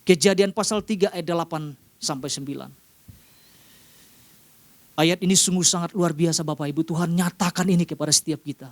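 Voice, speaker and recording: A man with an Indonesian accent preaching a sermon to a congregation, often calling out to them and rising sharply in pitch for emphasis. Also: brisk, long pauses, no echo.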